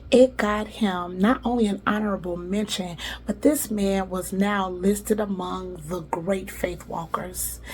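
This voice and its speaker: Lively woman teaching a devotional. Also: medium pitch, slight background noise. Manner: lively, dramatic storytelling with casual slang. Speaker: devotional podcast host. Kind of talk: faith-based motivational teaching.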